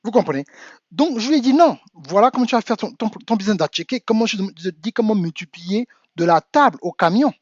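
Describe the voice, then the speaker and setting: A man's voice: sits high, lively intonation, a little fast, husky, dry recording, dull audio. A man from Africa, a business coach giving an insistent talk to his audience that builds to emphatic urging. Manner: insistent, rising to emphatic exhortation. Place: home in the United States.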